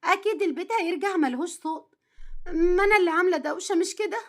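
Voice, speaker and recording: A woman voicing a lively, stubborn young wife with an Egyptian accent, teasing and emotional, in a storytelling drama. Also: very high-pitched, very fast. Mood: pleading. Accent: Egyptian Arabic.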